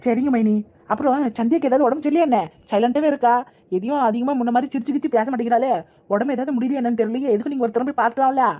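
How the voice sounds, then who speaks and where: A woman's voice: fairly high pitch, fairly even intonation, dark tone, natural voice. A woman voicing a chatty, teasing married aunt in a cartoon comedy, speaking with a Kanyakumari Tamil accent. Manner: rapid, scolding back-and-forth.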